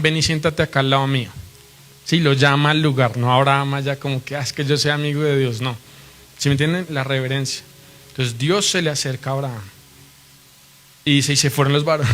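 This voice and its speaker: A man's voice: mid-range voice, fairly bright tone. A man preaching a sermon, earnestly and reverently teaching, often asking his listeners questions.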